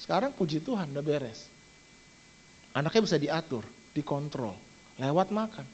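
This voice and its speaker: A middle-aged man preaching a lively sermon as a pastor, often turning to his listeners to address them directly. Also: fairly high pitch, moderate pace, husky. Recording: dull lo-fi church stream.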